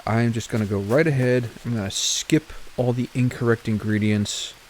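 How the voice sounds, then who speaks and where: Talking to viewers as he plays a survival game, this gaming channel host keeps up a chatty, self-correcting commentary. His medium-pitched voice is darkish, fairly even in intonation, at normal speed, with slight background noise.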